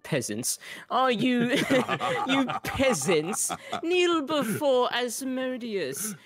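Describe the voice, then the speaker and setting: A man's voice: very high voice, big pitch swings, drawn-out words, over a noisy crowd, pitched above the performer's own voice, full character voice. A man voicing a regal, caring demon prince with a put-on British sound, lofty and grand. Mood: lordly.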